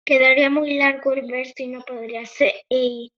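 A woman student answering in an online class, thinking aloud slowly with fillers. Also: high voice, level tone. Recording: dull lo-fi call audio.

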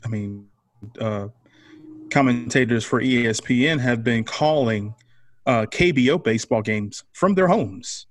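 A man's voice: medium pitch, a little slow. A man with a mid-range voice talking easily through sports predictions. The mic is close and the sound is dry, with no room echo. His phrasing is loose and full of fillers. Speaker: podcast co-host. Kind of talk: casual sports chat.

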